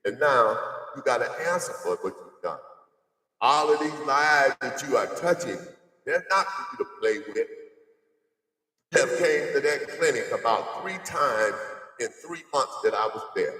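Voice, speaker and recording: A man's voice: fairly high pitch, pushed and bright. A sixty-five-year-old man, an addiction counselor, delivering a defiant, preachy monologue and repeatedly addressing the listener as "brother.". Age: 60s. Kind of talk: confrontational monologue. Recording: echoey room, voice far from mic.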